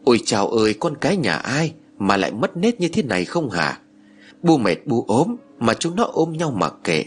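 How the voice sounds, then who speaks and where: Storybook harsh old mother-in-law, loud scolding, husky, a male narrator voicing her. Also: medium pitch, sing-song, moderate pace. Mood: angry scolding. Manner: yelling, scolding.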